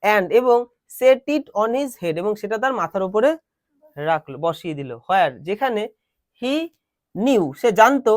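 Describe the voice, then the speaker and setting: A male teacher giving a classroom lesson. He reads English lines slowly, then explains them and quizzes his students. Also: sits high, expressive, no room sound, clean studio sound.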